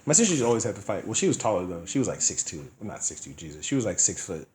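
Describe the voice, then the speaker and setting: A man in his thirties co-hosting a podcast, telling a story in casual, profane chat and acting out the people he quotes in loud bursts. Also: low-pitched, very fast, echoey room, a little hiss or hum. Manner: profane, animated, acts out quoted voices loudly. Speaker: podcast co-host.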